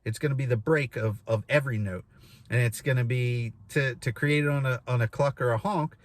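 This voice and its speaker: A man's voice: mid-range voice, a little fast. A man in his thirties giving an informal instructional demonstration, explaining step by step and repeating key phrases. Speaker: goose calling instructor. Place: inside a parked vehicle.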